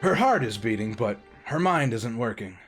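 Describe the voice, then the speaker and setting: A man voicing a grave middle-aged doctor, speaking low, quiet and solemn. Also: expressive, moderate pace, soft background music. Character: grave middle-aged male chief of medicine.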